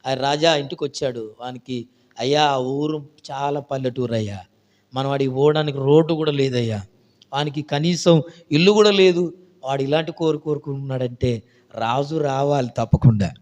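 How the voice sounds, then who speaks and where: A male pastor with a Telugu accent telling a story in a lively sermon, calling out hallelujahs and questions to his congregation. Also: mid-range voice, normal speed.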